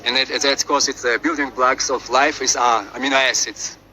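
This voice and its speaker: Male lesson presenter, Slavic accent, very bright forceful tone, halting read with self-corrections, noisy home recording. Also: mid-range voice, steady tone. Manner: halting delivery, often repeating and correcting words. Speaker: presenter of a chemistry refresher. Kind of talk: lesson read from on-screen script with asides.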